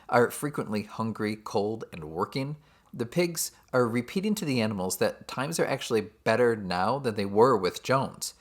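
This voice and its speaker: A man giving a scripted summary of a novel chapter, with dry, sardonic asides. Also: on the low side. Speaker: literature teacher. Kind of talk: scripted book summary narration.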